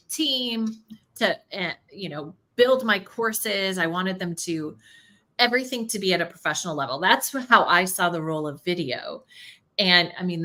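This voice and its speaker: A woman hosts a live podcast interview, enthusiastic and playful, firing off quick exclamations and asking open questions. Her medium-pitched voice is bright and forceful.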